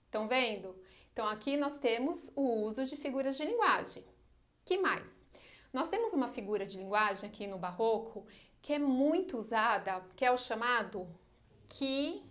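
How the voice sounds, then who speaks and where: A Brazilian-accented woman teaches a literature class. She explains each point carefully, stops to ask if everyone is following, and counts out syllables slowly. Her voice sits a little higher than most. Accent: Brazilian Portuguese. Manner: explanatory, checks in often with "tá?" and "né?". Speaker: Portuguese language teacher. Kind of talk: online literature lesson.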